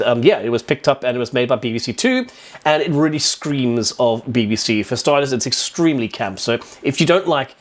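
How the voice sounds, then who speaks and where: Fast-talking man rambling through a review. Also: medium pitch. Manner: rambling, many fillers and restarts; chatty and enthusiastic. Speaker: video reviewer. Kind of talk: casual spoken review.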